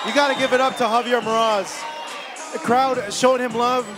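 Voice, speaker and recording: Guy calling a boxing match, super high pitched and loud, excited, crowd and music behind him. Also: moderate pace, low-quality recording. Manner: loud, excited, often shouting. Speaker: play-by-play boxing commentator. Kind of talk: live fight commentary. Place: live boxing event in Tijuana. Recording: live broadcast over crowd and music.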